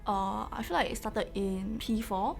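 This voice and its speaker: A woman's voice: medium pitch, fairly even intonation, a little slow, gravelly, soft background music. A young woman from China, answering interview questions earnestly with frequent fillers. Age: young adult.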